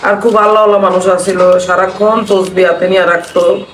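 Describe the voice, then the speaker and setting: A vlogger from Bangladesh chats casually while cooking, reminiscing in a repetitive, mournful way. Her fairly low voice has a flat delivery and moves a little fast. The roomy recording captures her from a distance with faint noise.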